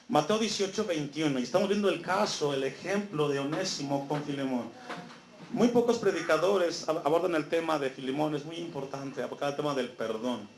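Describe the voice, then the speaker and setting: High-voiced man preaching in an echoey church. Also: a little hiss or hum. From Mexico. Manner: asks the congregation to fill in words, reads scripture aloud. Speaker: pastor. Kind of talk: sermon.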